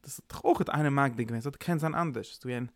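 A man's voice: medium pitch, fast, no echo, clean studio sound. A man giving an informal, rambling sermon, mixing in English words. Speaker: preacher. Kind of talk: informal Yiddish-tinged sermon.

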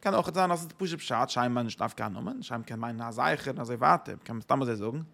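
Gravelly man teaching Torah. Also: mid-range voice, lively intonation, fast talker, a bit bright. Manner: explains by asking rhetorical questions and answering them; mixes in English words. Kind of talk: Torah lecture.

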